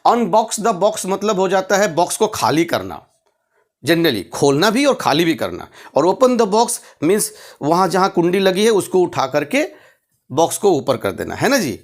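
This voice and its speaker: A male teacher with a high, very animated voice takes his time through a Hindi-medium English vocabulary lesson. He spells each word letter by letter and repeats the phrase, then asks the class a question and answers it himself. Faint writing is heard behind him. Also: measured pace.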